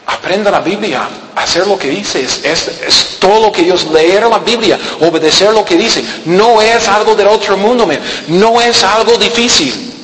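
High-voiced Costa Rican pastor preaching. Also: male voice, normal speed, fairly bright tone, reverberant, long reverb tail, slight background noise, poor audio. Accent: Costa Rican Spanish. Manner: emphatic preaching with frequent repetition and rhetorical questions. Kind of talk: sermon.

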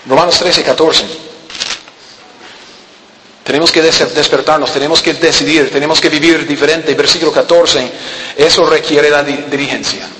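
A man's voice: on the high side, fairly even intonation, moderate pace, pauses often, fairly bright tone, roomy sound, big-room sound, a little hiss or hum, rough recording. A man with a Costa Rican accent preaching a sermon, emphatic and repetitive, with rhetorical questions. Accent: Costa Rican Spanish. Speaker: pastor.

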